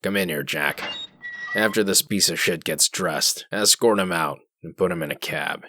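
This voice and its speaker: A man playing a gruff, terse wolf sheriff in a comic dub, commanding, dryly sardonic and menacing. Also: low-pitched, moderate pace, pushed and bright, full character voice. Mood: cold threat. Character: gruff hard-boiled male wolf sheriff, menacing and dry.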